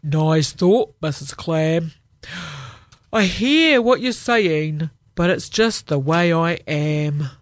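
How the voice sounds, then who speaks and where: A woman voicing a glum, gloomy male fish who mopes through a slow, sing-song refrain. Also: low voice, lively intonation, no room sound, studio quality.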